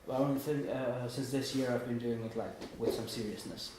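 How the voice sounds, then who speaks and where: A student in his twenties from Germany and Italy gives an informal live talk at a small indoor meetup, speaking in a brisk, steady mid-range voice. He's hesitant, rambling, and self-deprecating. A distant room mic picks him up, so there's echo and background noise.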